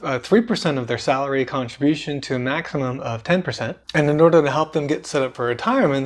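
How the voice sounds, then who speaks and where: Easygoing man hosting a finance explainer. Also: mid-range voice. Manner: relaxed and conversational, with many fillers and self-aware asides. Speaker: personal finance channel host. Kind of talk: casual explainer talk.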